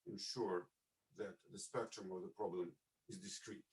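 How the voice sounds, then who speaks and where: A man giving an academic lecture over a video call through a headset, his audio fading and dropping out, measured with frequent pauses. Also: sits low, steady tone, slight background noise, poor audio. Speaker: invited speaker.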